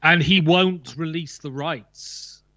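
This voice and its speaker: A fairly high-pitched man takes his time, his voice pushed and bright on a dry, slightly muffled recording. As a guest on a board game list show, he chats casually and firmly about games, now and then joking around.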